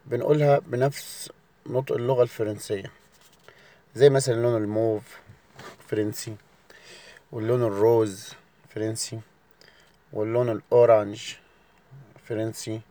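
A man with an Egyptian Arabic accent teaches a recorded lesson and says each word slowly, again and again. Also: mid-range voice, warm tone, no room sound. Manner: slow, drawn-out repetition of each word.

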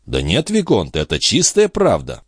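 A man's voice: deep voice, wildly swooping pitch, normal speed, breathy edge, dry recording, clean studio sound, heavily acted. A man playing a composed young hairdresser. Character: self-assured young male hairdresser, polite.

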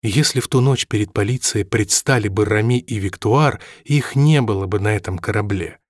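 Guy reading an audiobook, even and measured, dry no-room sound. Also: fairly low pitch, dry recording. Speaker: audiobook narrator. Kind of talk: scripted narration.

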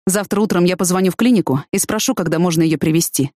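A woman reading an audiobook, voicing a blunt, hot-tempered young man who speaks in a gruff, matter-of-fact way. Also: fairly low pitch, fast, darkish tone, no echo, studio quality, lightly acted.

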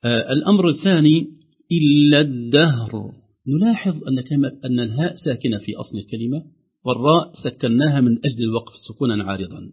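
A man teaching Quran recitation rules on a call-in show, explaining each rule and then reciting the examples slowly and drawn out. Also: mid-range voice, animated, slightly rough. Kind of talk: tajweed lesson on a call-in show. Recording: dull lo-fi broadcast sound.

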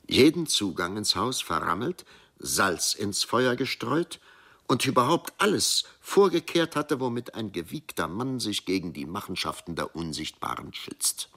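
A man's voice: on the low side, expressive, unhurried, sharp tone. A man narrating a folk tale as a storyteller who speaks directly to his listeners.

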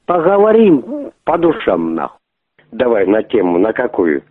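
A man's voice: medium pitch, huge pitch swings, measured pace, slightly rough, no echo. A man making a crude prank phone call, pushy and rambling, swearing often as he keeps asking to meet. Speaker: prank caller. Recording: tinny phone line.

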